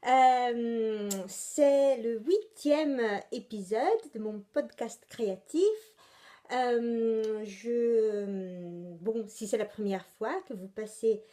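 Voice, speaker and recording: A young Italian woman with a slightly high, mellow voice speaks very slowly and with fairly even intonation. She hosts a knitting podcast, chatting casually and rambling, full of hesitations and self-corrections, with an Italian accent.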